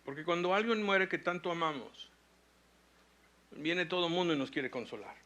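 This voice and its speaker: Pastor preaching, man with a bright, pressing voice pitched a bit high; builds to fervent emphasis. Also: animated. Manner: preaching with rising intensity and slow emphatic phrases. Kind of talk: sermon.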